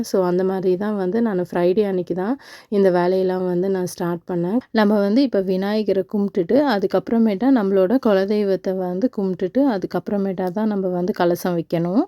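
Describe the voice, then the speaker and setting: Young Tamil-accented woman hosting a home tutorial vlog, calm and unhurried, warm low-key voice. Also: no room sound, clean studio sound. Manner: calm explaining, chants mantras slowly. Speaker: vlogger. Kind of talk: step-by-step home ritual tutorial.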